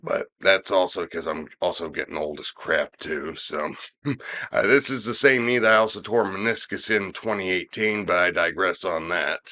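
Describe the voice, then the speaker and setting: A middle-aged podcast host with a slightly nasal, congested voice rambles through a casual wrestling chat, colloquial and full of opinions. He speaks at a normal speed in a low-pitched, pushed and bright voice.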